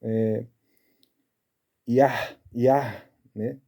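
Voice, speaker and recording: Guy teaching scripture casually, dark warm tone, walks you through it bit by bit. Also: mid-range voice, fairly even intonation, extremely slow, vocal fry. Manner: chatty, keeps tagging lines with "né?"; explaining Hebrew letters and pronunciation step by step. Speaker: Bible study teacher. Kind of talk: casual Bible study talk.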